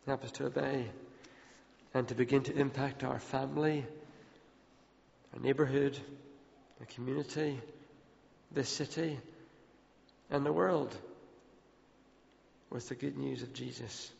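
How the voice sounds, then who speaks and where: Gravelly man preaching in a hall. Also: mid-range voice, fairly even intonation, a little slow, long pauses, a little mellow. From Ethiopia. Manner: earnest, repeats words when pressing a point. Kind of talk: sermon. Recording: dull, long hall reverb.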